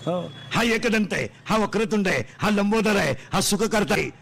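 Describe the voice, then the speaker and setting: A man with a Marathi accent delivers a comic devotional sermon into a stage microphone, his voice high and loud as he fires questions at the crowd. Faint background noise sits under him. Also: moderate pace, gravelly. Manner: loud, quizzing the audience, singsong mimicry. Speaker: kirtan preacher. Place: outdoor pavilion before a crowd.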